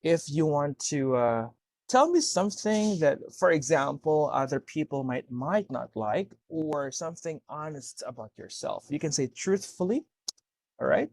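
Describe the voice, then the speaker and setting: A man tutors English one-to-one in a speaking lesson, walking through corrections step by step and checking understanding with "okay?". His voice is fairly high and darkish in tone, expressive and measured in pace, on a dry recording.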